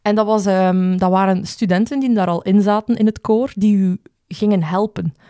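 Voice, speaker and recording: A woman with a Flemish accent and a low alto voice, co-hosting a podcast and telling stories in a lively way, swearing now and then. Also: moderate pace, clean tone, dry recording, clean studio sound. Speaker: podcast co-host. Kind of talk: casual podcast chat.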